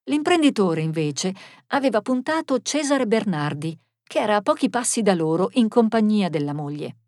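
A woman narrating a story in a measured, expressive reading. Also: mid-range voice, no room sound, studio quality.

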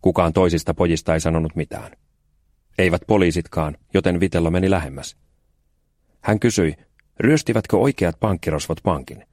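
A man narrating a children's audiobook in a calm, even storytelling voice with deadpan timing. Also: low voice, no room sound, clean studio sound. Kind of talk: scripted narration.

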